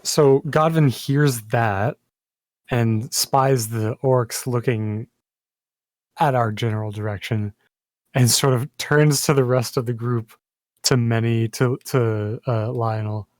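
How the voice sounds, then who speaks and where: A man's voice: mid-range voice, fairly even intonation, takes it slowly, darkish tone, no echo. A man improvising as a player in a tabletop role-playing game, hesitantly searching for his words.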